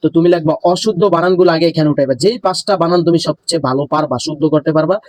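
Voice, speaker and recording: A young man races through an exam-prep lesson, his voice sitting a little high for a man. He coaxes his students like an older brother. The sound is close and dry, with no room around it. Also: rapid-fire, a little mellow, dry recording, rough recording. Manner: brotherly, repeatedly calls students "bhaiya". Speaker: teacher.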